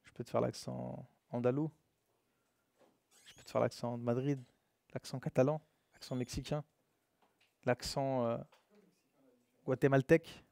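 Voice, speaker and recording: A man's voice: mid-range voice, measured pace, vocal fry, pauses often, no room sound. A man teaching web development in a casual, slangy live classroom lesson, speaking directly to his students. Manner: relaxed and slangy, addresses students as "les gars".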